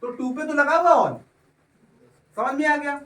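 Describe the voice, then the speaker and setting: In an echoey room, heard from afar, a man teaches chemistry in an extremely high-pitched, slightly bright voice at a measured pace. He draws out his words during the lecture and keeps asking whether his students get it.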